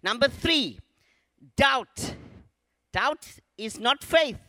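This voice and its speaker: High-voiced preacher, bright tone. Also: male voice, lively intonation, extremely slow, no echo. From Zimbabwe. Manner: emphatic, calls on the congregation to repeat lines. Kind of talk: sermon.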